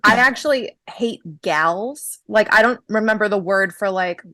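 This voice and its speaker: A woman's voice: mid-range voice, measured pace, bright, forceful tone, no echo. A woman in her thirties chatting casually on a podcast, wry and self-mocking. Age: 30s. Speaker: podcast host. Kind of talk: casual chat.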